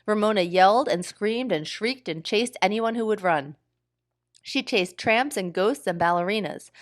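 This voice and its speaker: A woman teacher reading a children's book aloud with expressive storytelling. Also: mid-range voice.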